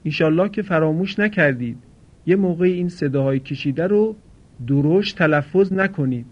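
A man teaching Quran recitation pronunciation, drawing out each model word slowly between brisk explanations. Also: a little high. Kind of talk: pronunciation lesson with drills. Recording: dull lo-fi recording.

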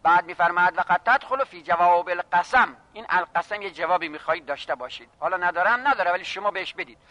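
A man teaching a classroom lesson on grammar, reading phrases slowly and then explaining them briskly while addressing his students. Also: high voice, bright, forceful tone, no room sound, lo-fi sound. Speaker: seminary teacher of Arabic grammar.

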